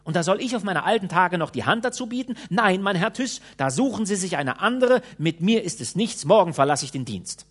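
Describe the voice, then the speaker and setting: A man's voice: fairly low pitch, fairly even intonation, measured pace, a little mellow, voice pushed down. A man reading an audiobook voices an old woman housekeeper who stammers and scolds indignantly. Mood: indignant scolding.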